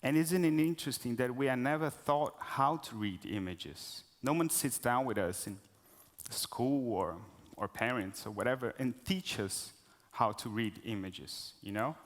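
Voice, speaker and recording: A man's voice: medium pitch, unhurried. A man giving a live conference talk, nervous and hesitant, with many fillers and restarts. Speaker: conference speaker. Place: conference hall. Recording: long hall reverb.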